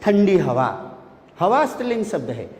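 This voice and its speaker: A male teacher gives a classroom grammar lesson, naming example words one by one. His pitch rises and falls in a lively, sing-song way. The room is echoey, with a long reverb trailing each word. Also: a little hiss or hum. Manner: lists words one by one with many pauses.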